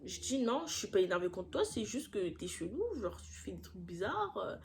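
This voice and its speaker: A young woman telling a personal story in a casual, slangy way, getting heated and throwing in quick asides. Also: medium pitch, very animated.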